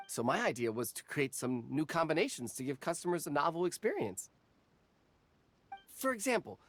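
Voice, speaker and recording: In a game cutscene, an actor with a mid-range voice plays a nervous young snack vendor. The character stammers and apologizes as he explains his wares.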